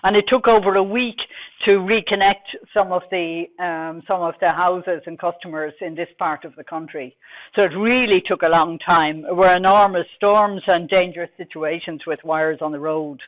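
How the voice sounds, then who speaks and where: A middle-aged Irish woman with a Dublin accent gives a technical conference presentation, talking quickly with many fillers. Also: fairly low pitch. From Ireland. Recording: tinny phone-like recording.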